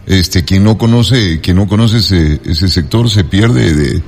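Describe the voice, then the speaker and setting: Brief: very low-voiced male host, relaxed chat, reverberant room. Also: slow pace, husky. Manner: relaxed, lots of short backchannels. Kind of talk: casual conversation.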